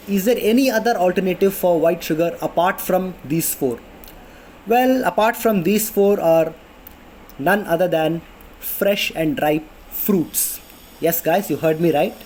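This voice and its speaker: Speaking in a somewhat high, slightly mellow voice, this Indian-accented vlogger in his twenties chats about health tips with lots of fillers and restarts. Planes fly over his city apartment, and a little hiss or hum runs through the recording.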